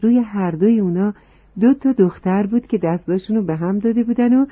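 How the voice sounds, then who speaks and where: Children's storyteller, husky voice, tinny phone-like sound, dry. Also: medium pitch, no room sound. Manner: warm, addressing children directly.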